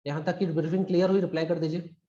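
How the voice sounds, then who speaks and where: A man with a fairly high voice that barely moves in pitch delivers a live online history class for exam prep, speaking rapid-fire in a warm, conversational, emphatic way and acting out quotes. Recorded over a video call, the audio sounds roomy and dull.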